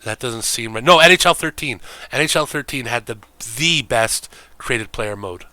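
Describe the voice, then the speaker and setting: A man's voice: medium pitch, animated, normal speed, bright, forceful tone, no room sound. A man streaming games, talking in a rambling, profane, casual way and laughing often.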